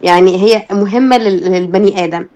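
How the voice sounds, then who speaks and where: A woman's voice: medium pitch, a little fast, mellow. A woman with an Egyptian Arabic accent, a guest giving her firm opinions in conversation.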